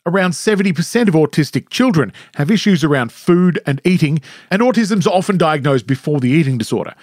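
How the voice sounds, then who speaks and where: A male reporter giving clear, scripted narration that explains facts for the audience. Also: a little high, lively intonation, a little fast, a little mellow, no room sound, studio quality.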